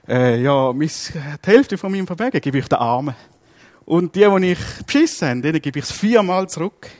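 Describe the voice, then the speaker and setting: A man's voice: on the high side, lively intonation, moderate pace, a little mellow, natural voice. A man voicing a flustered, embarrassed male tax collector who fumbles with fillers. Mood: contrite.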